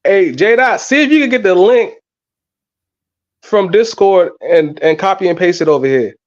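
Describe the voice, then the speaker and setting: This man hosts a live college football fan stream by phone, chatting in slang and often repeating himself when he fumbles words. He has a high voice and a moderate pace. The phone recording is dull and muffled.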